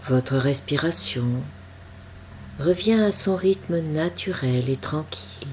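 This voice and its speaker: A woman with a deep, low voice guides a meditation, speaking very slowly and softly. Her instructions come calm and unhurried, with a faint ambient hum behind her.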